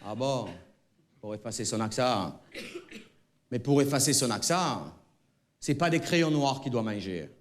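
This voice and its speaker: A man voicing a gruff, skeptical older father with a Marseille accent, grumbling dryly. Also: medium pitch, expressive, a little slow, long pauses, pitched below the performer's own voice, close to an everyday voice. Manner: grumbling, dry.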